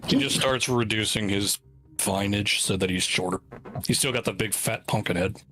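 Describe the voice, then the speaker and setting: Lowish man playing a tabletop game. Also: moderate pace, fairly bright tone, rough recording. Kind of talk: casual narration of his character's actions.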